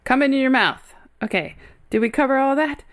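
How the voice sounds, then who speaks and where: A woman's voice: high-pitched, brisk. A woman co-hosting a podcast, talking candidly in a casual chat and laughing easily. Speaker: podcast co-host.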